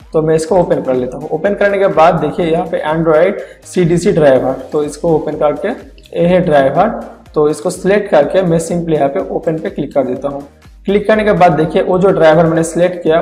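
A man's voice: a little high, darkish tone, roomy sound, in a large hall. A man hosting a tech channel, walking viewers step by step through a computer driver install. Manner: step-by-step explaining. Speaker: tech tutorial host. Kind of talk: screen-recorded tutorial.

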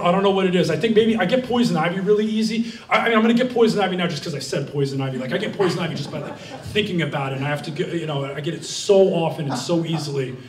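A young man from Vermont answering audience questions at a library talk, full of fillers and restarts. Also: fairly high pitch. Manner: rambling, many fillers and restarts. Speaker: guest speaker. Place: library event room. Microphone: handheld mic. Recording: roomy sound from far off.

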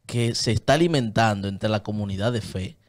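Earnest and animated with his hands, a thirtysomething man with a Dominican Spanish accent talks casually as a guest in a compact padded radio studio. His voice sits on the low side and moves fairly quickly, captured by a desk-stand mic while he wears headphones.

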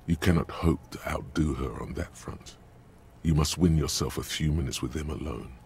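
A deep gravelly game narrator. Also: male voice, a little mellow, slight background noise. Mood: calm coaching. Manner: grave, measured, coaching. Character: man, stern inner narrator voice of a detective. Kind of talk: video game voice acting.

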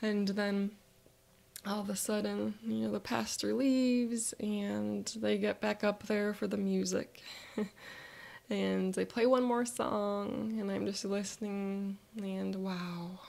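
A woman narrating a guided visualization in a soft, reflective way that often drops to a whisper. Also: mid-range voice, steady tone, slow, gravelly.

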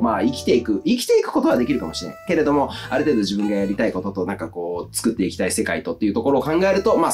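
A man's voice: fairly low pitch, darkish tone. A man in his thirties with an Okayama accent, chatting casually to camera with folksy, old-man-like turns of phrase. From Okayama, Japan. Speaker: vlogger. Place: small furnished room at home, indoors.

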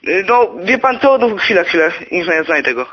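Man putting on a high-pitched flustered boyfriend over the phone. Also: very animated, a little fast. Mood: flustered, pleading. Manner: stammering, pleading, rambling. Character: flustered, insistent boyfriend urgently seeking his girlfriend. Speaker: prank caller. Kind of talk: telephone conversation, prank call. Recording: dull, noisy phone-call recording.

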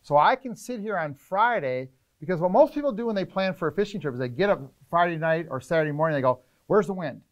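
A middle-aged man, a fishing charter captain, explaining trip planning in casual, energetic interview talk in an indoor tackle shop. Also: sits high. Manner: energetic, gestures a lot, lists points rapidly.

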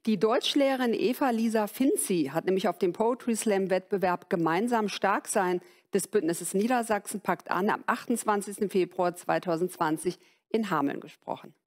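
A woman's voice: medium pitch, moderate pace. Woman announcing a performance. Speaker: host. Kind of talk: scripted introduction.

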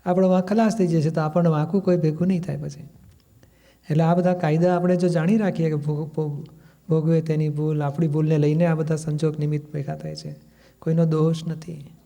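A man's voice: on the high side, little pitch movement, fairly quick, creaky, mellow. A Gujarati-accented man giving a conversational spiritual discourse, sometimes acting out family quarrels in quoted voices. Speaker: spiritual teacher.

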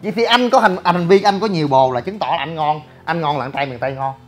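A man's voice: on the high side, quick pace, over loud music. A young man, talking bluntly and brashly in a rambling livestream monologue. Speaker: gym owner and online personality.

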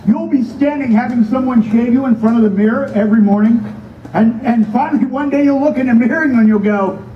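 A man playing a rambling, hesitant ageing knight in a comic stage monologue at an outdoor Renaissance fair, halting and repeating himself. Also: very high-pitched, slight background noise. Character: rambling, hesitant ageing village knight musing on old age. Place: outdoor wooden stage at a fair, far camera. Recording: distant, muffled, echoey outdoor stage.

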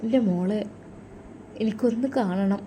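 A frail old father from a storybook, soft and pleading, his words coming a touch low and quick, as a woman narrator puts him on. His voice has a mellow, warm color. A faint hiss sits under it. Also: lightly acted. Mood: weak, tender. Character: ailing elderly father, tender and worried.

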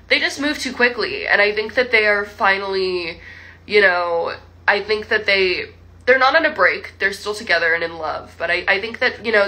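Her medium-pitched voice is bright and forceful as this young woman casually chats with fans via phone livestream from home, rambling and laughing amid likes and restarts. The recording is low quality.

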